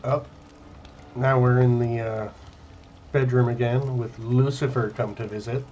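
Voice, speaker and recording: A young man giving casual, wry, deadpan let's play commentary on a video game. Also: medium pitch, a little slow, a little hiss or hum. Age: young adult. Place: small room indoors. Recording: band-limited, dull webcam-setup audio. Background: faint game music.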